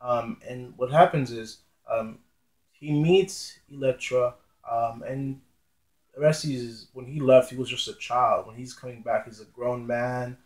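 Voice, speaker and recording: A man's voice: medium pitch, fairly even intonation, unhurried, reverberant, low-quality recording. A man casually retelling and explaining a classic play, hesitating often with ums and restarting his sentences. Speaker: literature explainer. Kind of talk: casual spoken play summary.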